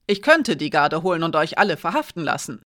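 A reader voicing an impulsive young woman who speaks up in urgent, indignant bursts, raised a little higher and louder than the narration. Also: sing-song, a little fast, dry recording, studio quality. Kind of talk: audiobook character reading.

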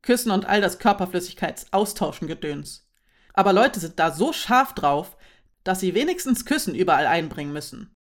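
A woman voicing Nurek, a frank and thoughtful young woman, in an emphatic, lively storybook reading. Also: fairly low pitch, moderate pace, lightly acted.

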